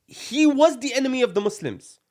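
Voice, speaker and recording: A man's voice: extremely high pitch, animated, brisk, a little mellow. A young man from Palestine, a podcast co-host, arguing bluntly and emphatically in a heated discussion, peppering his talk with "bro" and Arabic phrases.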